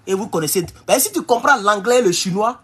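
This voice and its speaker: A man's voice: high voice, fairly quick, breathy edge. A man from Burkina Faso with a West African French accent, giving casual, emphatic political commentary to his viewers and often stumbling over restarts. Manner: animated, emphatic, with repeated restarts and addresses to "chers camarades".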